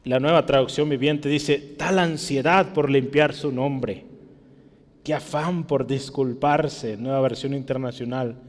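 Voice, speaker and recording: Predicador con eco de salón largo. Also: male voice, fairly even intonation, measured pace. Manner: asks the congregation questions, often adds "¿verdad?"; rises in pitch and volume when reading Scripture aloud. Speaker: preacher. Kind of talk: sermon. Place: church hall. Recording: long hall reverb.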